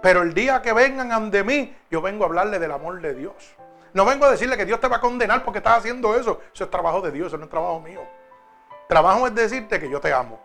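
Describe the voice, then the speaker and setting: Man, pastor, fervent sermon, high voice, soft music behind. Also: expressive, quick pace. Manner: fervent preaching, swings between loud emphasis and hushed confession. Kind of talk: sermon testimony.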